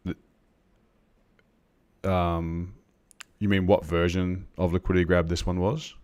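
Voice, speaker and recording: Deep-voiced man explaining chart trades. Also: level tone, darkish tone. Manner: halting, many restarts and ums, explains to chat. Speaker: trading streamer. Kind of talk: live trading stream explanation.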